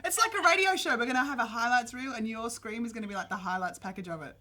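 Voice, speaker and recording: Bubbly high bright-voiced young woman. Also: fast. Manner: bubbly and teasing, laughs often. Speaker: publisher's social media host. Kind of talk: casual chat.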